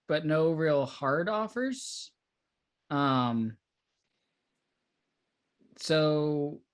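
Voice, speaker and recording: Laid-back man in teasing podcast banter. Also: on the high side. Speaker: podcast co-host. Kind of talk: casual podcast chat.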